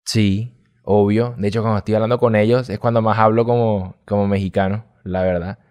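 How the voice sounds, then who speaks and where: Guesting on an interview, a young Venezuelan youtuber rambles in a relaxed way, tossing in slang. He speaks with a light accent from home, a lowish voice, and a slightly quick pace.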